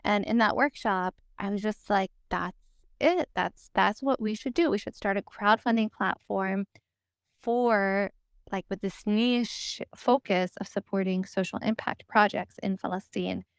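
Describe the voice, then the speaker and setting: Speaking a little slowly at medium pitch, a US-born co-founder shares her story as a podcast guest. The sound is clean studio audio with no room sound. She talks in a reflective, casual way with an American accent, frequently using "like" and "you know."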